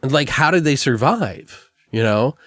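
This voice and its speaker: A man's voice: mid-range voice, animated, unhurried, fairly bright tone, no echo. Rambling casual man in a dry room. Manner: loose and rambling, swears freely. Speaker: podcast co-host. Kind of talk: casual film review chat.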